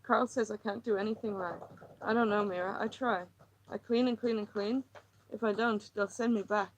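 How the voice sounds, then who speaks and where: A woman reading aloud, voicing an anxious, troubled housewife who rambles and pleads, her voice often climbing high. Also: steady tone, normal speed, a little hiss or hum, natural voice, poor audio. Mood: anguished.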